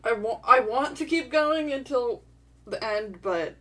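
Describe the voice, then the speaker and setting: A woman's voice: on the high side, lively intonation, measured pace, bright, forceful tone. A woman hosting a game stream with friends, chatting casually with lots of fillers and sounding hyped. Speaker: stream host.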